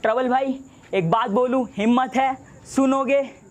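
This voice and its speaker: A young man with a very high voice delivers boastful battle-rap lines at an opponent. He sounds mocking and builds each line toward its punchline. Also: fairly even intonation, a little slow. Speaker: battle rapper.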